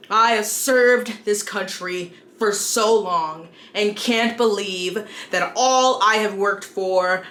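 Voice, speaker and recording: Casting: woman as prudish religious politician for comedy sketch, hammy stage style, high voice, slow scandalized delivery. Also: a bit bright, roomy sound. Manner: hammy stage acting, overdramatic outrage. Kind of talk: comedy skit monologue.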